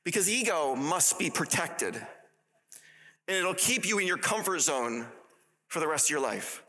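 A man's voice: fairly high pitch, very animated, unhurried, pushed and bright. A man in his forties giving a live motivational commencement speech to an audience, gushing and exclamatory, laughing often as he talks. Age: 40s. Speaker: commencement keynote speaker. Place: university commencement ceremony, before a live audience.

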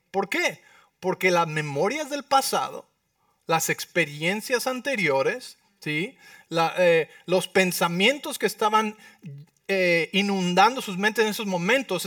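A man preaching a sermon as pastor, lively, often asking the congregation questions. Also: high-pitched, no echo. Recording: dry sound, mic at a distance.

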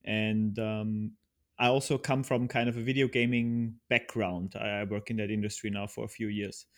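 A man's voice: lowish voice, flat delivery, normal speed. Hesitant Austrian-born man, guest on a podcast. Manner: hesitant, many restarts and fillers. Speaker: podcast guest, video trailer producer. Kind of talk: casual interview chat.

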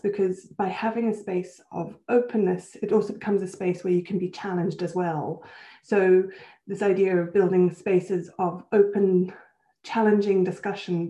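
Reflective woman guest with a mellow voice. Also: medium pitch. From South Africa and Switzerland. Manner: warm, reflective, laughs easily. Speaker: guest, senior lecturer in applied theatre. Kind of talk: conversational interview answers. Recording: roomy echo.

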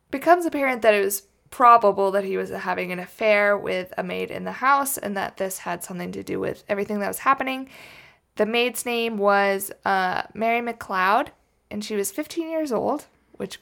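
A woman's voice: a little high, expressive, moderate pace, creaky, fairly bright tone. A woman co-hosting a casual true-crime podcast, rambling and joking and laughing often as she tells the case. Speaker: podcast co-host.

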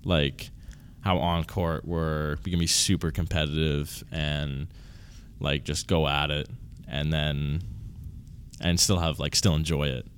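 A man in his early twenties, a university volleyball player, answering interview questions casually and haltingly, often restarting and trailing off. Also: a bass voice, flat delivery, clean tone. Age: 20s.

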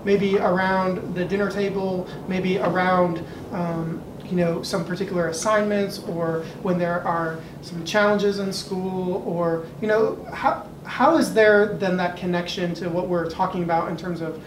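A man's voice: high voice, fairly even intonation, a little slow, few pauses. American male moderator, earnest and thoughtful, off-mic in a reverberant room. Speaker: discussion moderator, educator. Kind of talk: thoughtful unscripted discussion. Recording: echoey room, distant mic, faint noise.

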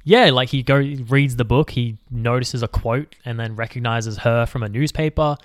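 A man's voice: medium pitch, moderate pace, no echo, clean studio sound. A man co-hosting a podcast, giving blunt, opinionated takes on films with lots of fillers and the odd swear. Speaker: podcast co-host. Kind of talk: casual film chat.

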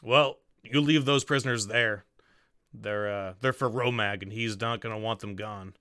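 A man's voice: lowish voice, normal speed, pushed and bright, clean tone, no echo, clean studio sound. A man voicing a surly, irritable male cultist guard who threatens with a staff. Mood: suspicious.

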